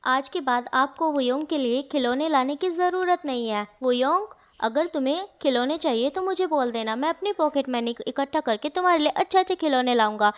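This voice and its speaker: A woman's voice: high-pitched, lively intonation, brisk, few pauses. A woman voicing a jealous, sulky little boy who complains in a hurt, pleading way. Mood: angry.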